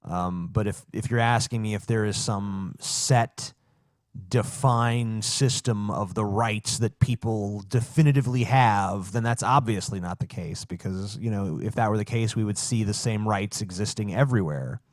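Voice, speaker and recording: A male podcast co-host with a fairly low voice. He talks casually and gives blunt, profane opinions. The sound is very dry. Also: moderate pace, dry recording.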